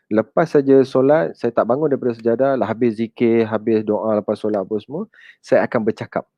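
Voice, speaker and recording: A man's voice: mid-range voice, mellow, dry recording. A man with a Malaysian Malay accent giving a conversational counseling talk and answering audience questions. He addresses his listeners as children and mixes English words into his speech.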